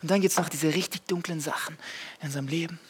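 A man preaching a live sermon on stage, asking the audience direct questions and building to loud, fervent passages. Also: a little high, fairly even intonation, fast talker, husky.

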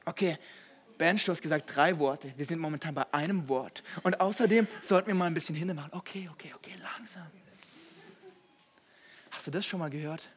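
A young man preaching a sermon to a congregation, animated, swinging from hushed whispers to loud shouting. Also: a little high, a little fast. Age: young adult. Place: church hall before a congregation.

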